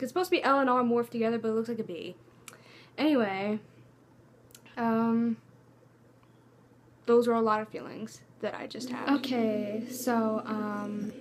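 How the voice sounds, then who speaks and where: A woman giving excitable, chatty reaction commentary, full of likes, ums and you-knows. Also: on the high side, a little hiss or hum. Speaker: reaction video host. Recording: music video playing loudly behind. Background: loud music.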